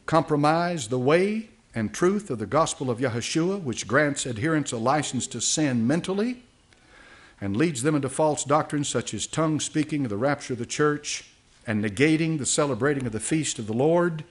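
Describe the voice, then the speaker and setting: Older pastor preaching from a church podium. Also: male voice, mid-range voice. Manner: halting, with many fillers and restarts. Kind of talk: sermon, reading aloud and commenting. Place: church sanctuary. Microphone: podium mic.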